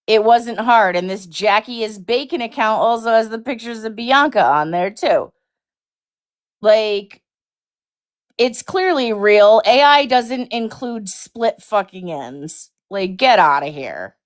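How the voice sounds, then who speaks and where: A woman's voice: a little high, lively intonation, takes it slowly. A woman on a live-stream debate panel, combatively insulting her rivals. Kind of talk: heated live-stream argument.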